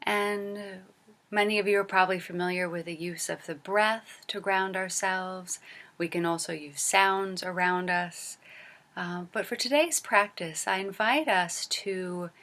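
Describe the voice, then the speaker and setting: Her voice lowish, a woman teaches a guided body scan meditation. She talks softly and at an easy pace, pausing for long stretches, with gentle, breathy endings to her phrases.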